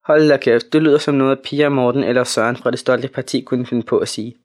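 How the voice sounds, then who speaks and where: A man from Copenhagen, a student, reading his own first-person story aloud in a steady telling voice. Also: medium pitch. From Copenhagen, Denmark. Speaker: student narrator.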